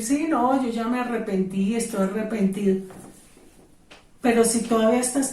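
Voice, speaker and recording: A woman's voice: a little high, warm tone, recorded from a distance. A woman preaching a sermon, emphatic and repeating key words. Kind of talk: sermon with prayer. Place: church hall. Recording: roomy sound from off-mic with faint music.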